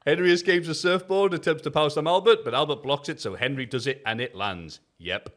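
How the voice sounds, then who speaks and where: A man's voice: on the high side, fairly quick, fairly bright tone. A man co-hosting a wrestling review podcast, reading his written recap in a jokey, casual way, swearing and laughing often.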